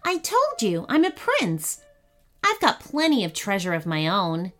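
A woman voicing a polite, brave young prince who talks earnestly and calmly. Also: medium pitch, a little slow, faint music behind. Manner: earnest, calm and courteous.

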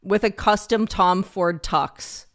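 A woman's voice: medium pitch, takes it slowly. A woman co-hosting a casual podcast, opinionated, blunt and wry. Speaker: podcast co-host. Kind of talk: casual chat.

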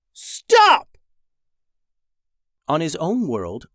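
A man reading a fantasy adventure story aloud in a steady, even storytelling manner. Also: mid-range voice, no room sound, clean studio sound. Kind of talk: storybook narration.

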